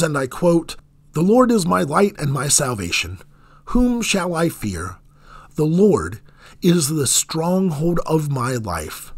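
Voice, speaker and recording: A man preaching a sermon in an earnest, measured way, letting his voice drop on key phrases. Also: medium pitch, breathy edge.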